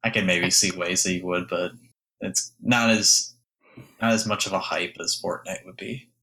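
Very low-voiced, bright-toned young man. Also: steady tone, normal speed, poor audio. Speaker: podcast co-host. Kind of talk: casual gaming chat.

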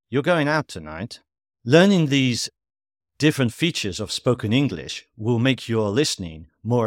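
A man teaching English in a scripted podcast lesson, reading at a steady, measured pace and spelling out examples clearly. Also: fairly low pitch, no room sound, clean studio sound.

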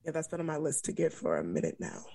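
A woman's voice: sits low, very animated, fast talker, creaky, dark tone, slight background noise. A woman hosting a casual chat, asking loose, rambling questions.

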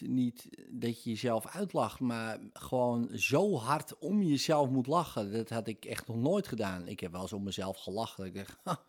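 A man hosting a reflective solo podcast, talking hesitantly and filling his pauses with "eh" while he gropes for words. His tone is candid and gently self-mocking, at an ordinary middle pitch for a man. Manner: hesitant, many fillers, searching for words. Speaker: podcast host.

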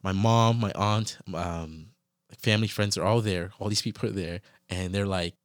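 A young man with a fairly low voice, retelling a personal ordeal in casual, animated storytelling. He speaks earnestly, quoting his own thoughts and stopping to reflect on scripture. The recording sounds close and dry, with no room around it. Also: moderate pace, dry recording. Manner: references scripture while reflecting.

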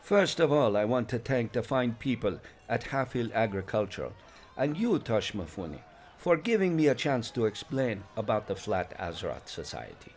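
An actor playing an earnest, laid-back fringe free thinker in a comic radio interview. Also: male voice, medium pitch, big pitch swings, normal speed, a little mellow. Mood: earnest, easygoing.

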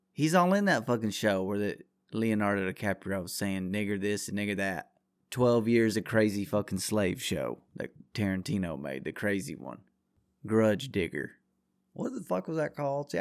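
Man, solo podcast rant, low voice, dry close sound, constant cursing. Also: no echo. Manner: crude, heavy swearing, rambling and combative. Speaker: podcast host.

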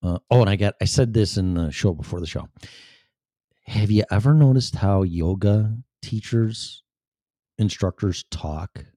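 On his live-stream show, a man with a Chicago accent delivers a loose, rambling monologue that's chatty, profane, and self-deprecating. His fairly low voice is expressive, mellow, and unhurried, captured in echo-free studio quality.

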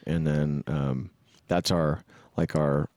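A man's voice: rumbling low, little pitch movement, slow, darkish tone, dry recording, studio quality. A man in his fifties, a musician and band leader, talking in an easygoing, plainspoken way in casual podcast chat. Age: 50s.

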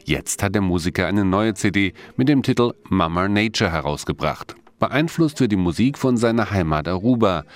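A man reading scripted narration for a radio feature in a measured, even way. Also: lowish voice.

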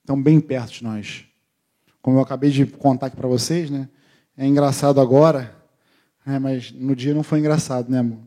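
A middle-aged man preaching a sermon, telling a family story with lively storytelling and acting out the voices of his family. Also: medium pitch, brisk.

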